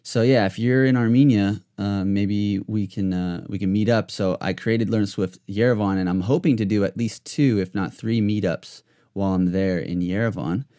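In a relaxed podcast conversation, a man from the United States hosts with a lowish, mellow voice at normal speed. His talk wanders, with plenty of fillers and false starts.

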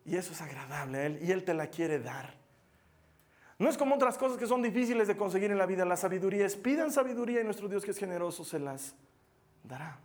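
A man with a high voice preaches to a congregation. He speaks emphatically, repeats key lines and keeps asking the room questions. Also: expressive, quick pace, a little mellow. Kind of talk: sermon.

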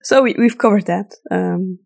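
Speaking at a medium pitch and moderate pace, this podcast co-host has a gravelly, slightly mellow voice. She's a native Flemish Dutch speaker with an accent somewhere between British and American, and she chats casually, thinking out loud and repeating words.

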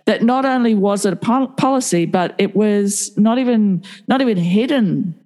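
A woman's voice: mid-range voice, moderate pace, warm tone. A middle-aged woman with an Australian accent, chatting casually and reflectively, feeling her way through phrases. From Sydney, Australia. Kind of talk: casual conversation.

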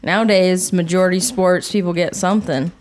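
A woman's voice: fairly low pitch, fairly even intonation, fairly quick, darkish tone. A young woman co-hosting a casual podcast chat, teasing the others playfully. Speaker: podcast co-host.

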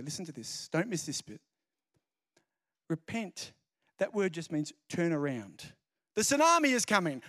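A young man giving a lively, jokey evangelistic talk, telling stories and repeating key phrases. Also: fairly high pitch. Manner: animated storyteller, jokey asides, repeats phrases. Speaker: speaker explaining Christianity.

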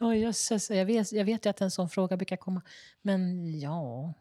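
A woman's voice: fairly low pitch, warm tone, dry recording, clean studio sound. A woman potter, interviewed in her workshop, speaking in a hesitant, rambling way with many fillers and restarts. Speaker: ceramicist guest. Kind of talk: casual interview chat.

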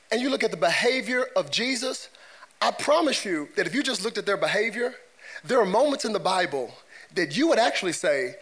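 A man with a very high, bright voice preaches with lively swings of pitch and a playful, theatrical manner. He acts out quick voices and climbs into shouted peaks. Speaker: pastor. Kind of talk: sermon. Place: church auditorium.

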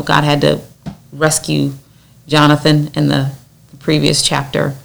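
A woman's voice: deep voice, vocal fry. A woman leading a Bible study in an earnest, exhorting way, acting out the lines she quotes. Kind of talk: conversational Bible teaching.

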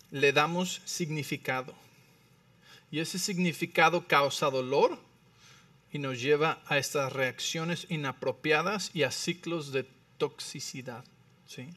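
A male pastor preaching a sermon, animated, swinging between loud emphatic phrases and quiet low ones, often checking in with the listeners. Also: distant mic. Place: church.

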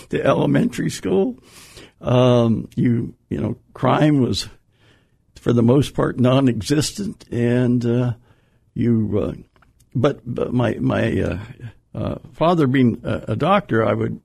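Older male guest, very gravelly and dry-voiced, rambling anecdotal manner. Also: medium pitch, dark tone, dry recording. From Pennsylvania, USA. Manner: rambling, self-interrupting, chuckles often. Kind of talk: conversational radio interview.

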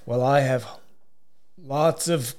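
A man's voice: medium pitch, slow, a little mellow, natural voice. A man playing jolly old Santa Claus in a podcast interview, chuckling and saying "oh, dear" often.

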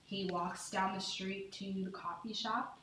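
A woman and mother talking earnestly and deliberately in a candid conversation, heard on a distant mic in an echoey room. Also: medium pitch, fairly even intonation, a bit bright, slight background noise. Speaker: podcast guest, mother.

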